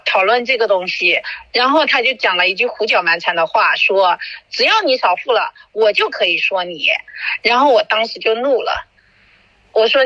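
A podcast host with a voice on the high side recounts an argument in casual chat, animatedly acting out the quoted dialogue. The recording is muffled, with no echo.

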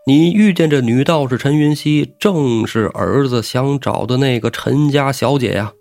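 Brief: earnest young scholar, lovesick, voiced by the narrator. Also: male voice, medium pitch, normal speed, vocal fry, a little mellow, voice pushed up, lightly acted. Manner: earnest, protesting.

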